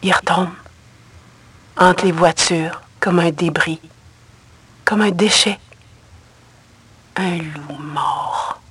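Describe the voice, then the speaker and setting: A woman's voice: on the low side, drawn-out words, long pauses, fairly bright tone, dry recording, full character voice. An actress with a Québécois French accent voicing a hunted woman who narrates her escape in short, clipped first-person lines. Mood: tense, cold. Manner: terse, tense, clipped fragments. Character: hunted young woman, tense then coldly calm. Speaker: narrator-protagonist of an audio drama. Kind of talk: intimate first-person radio drama narration. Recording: clear music under the voice. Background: music score.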